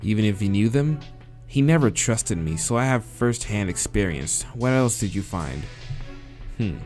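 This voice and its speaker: A man reads the dialogue of a visual novel aloud in a let's play, lowish-voiced at normal speed over soft background music. He's hesitant, muttering and swearing as he selects answers, before reading steadily again.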